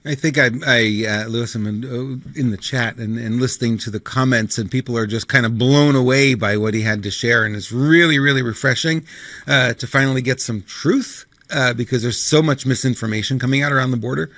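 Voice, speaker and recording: A man co-hosting a talk show, speaking earnestly and haltingly with lots of fillers. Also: medium pitch, a bit bright, no echo. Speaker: co-host. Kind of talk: casual talk show chat.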